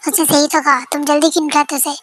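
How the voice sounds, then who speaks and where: A woman's voice: sits high, flat delivery, fast, no echo, natural voice. A woman voicing a doting, bossy mother-in-law who sides with her daughter-in-law, in an amateur fan dub. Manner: affectionate, bossy.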